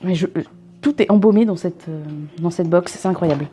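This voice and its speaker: A woman's voice: fairly low pitch, fairly quick, mellow, slightly rough, soft background music. A young woman vlogging an unboxing at home into a camera mic, chatty and rambling with self-mocking asides. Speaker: vlogger unboxing a subscription box. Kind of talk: casual unboxing chat.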